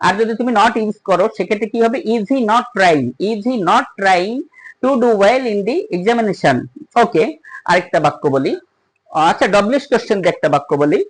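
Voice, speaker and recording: A teacher giving a spoken grammar lesson. The teacher explains step by step, asks the listener questions, and slows down on the example sentences. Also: medium pitch, expressive, poor audio. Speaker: English teacher.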